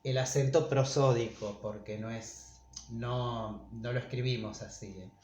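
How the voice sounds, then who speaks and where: A man's voice: medium pitch, steady tone, unhurried, darkish tone. A man teaching a casual video lesson, thinking aloud with frequent fillers as he goes. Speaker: Spanish teacher. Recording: echoey room, dull sound, faint noise.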